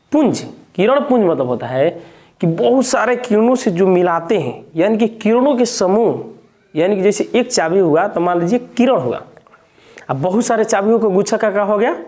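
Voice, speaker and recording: A man walks students through a physics lesson, his voice dark and mellow. He keeps circling back to each definition, asking a question aloud and supplying the answer himself. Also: high-pitched, lively intonation, normal speed. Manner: repetitive, asks and answers own questions. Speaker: teacher.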